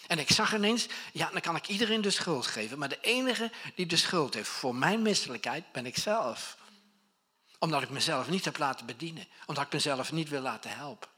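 A middle-aged man preaching a conversational, animated sermon as a pastor, often restarting his sentences. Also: fairly high pitch, brisk, husky.

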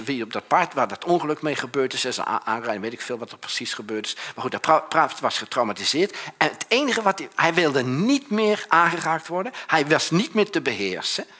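A man preaching a sermon in a chatty, animated way, full of restarts and asides. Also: on the high side.

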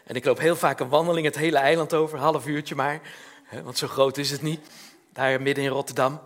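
A man's voice: fairly high pitch, fairly even intonation, brisk. An older man preaching a chatty, informal sermon, often tagging questions onto his sentences and acting out little scenes.

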